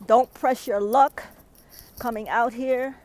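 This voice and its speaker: A woman's voice: fairly high pitch, fairly even intonation, slow pace, darkish tone, rough recording. A woman, out of breath, filming a weather vlog outdoors in a snowstorm and often adding "okay?" to her emphatic advice. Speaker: vlogger.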